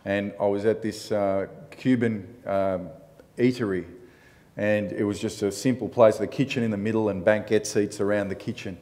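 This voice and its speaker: A man's voice: on the low side, steady tone, normal speed, mellow. Rambling man telling a story in a reverberant hall. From Italy. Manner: rambling and self-mocking, laughs and acts out voices. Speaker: discussion group participant. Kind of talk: candid storytelling in a group discussion.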